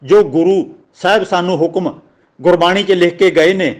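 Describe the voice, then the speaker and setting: Punjabi guy teaching scripture grammar, kinda high voice, slow and careful, spells stuff out. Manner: slow, deliberate, spells out words letter by letter. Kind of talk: didactic religious lesson.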